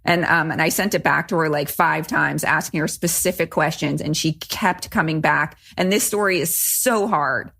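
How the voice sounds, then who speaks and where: Low-voiced emphatic woman co-host. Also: normal speed, vocal fry, hardly any pauses. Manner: animated, emphatic, restarts sentences. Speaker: podcast co-host. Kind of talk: casual discussion of a student's story.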